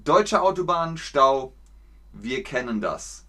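A man teaches everyday expressions in a relaxed live lesson. He speaks very slowly and deliberately, at a middle pitch, and acts out each exclamation with playful emphasis. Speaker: German teacher. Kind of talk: casual live language lesson.

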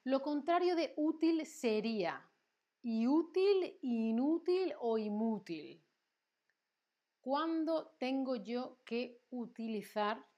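A woman's voice: sits high, lively intonation, slow, a little mellow, dull audio. A woman teaching grammar in a livestream lesson, patient and repeating words to drill them. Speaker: Spanish teacher.

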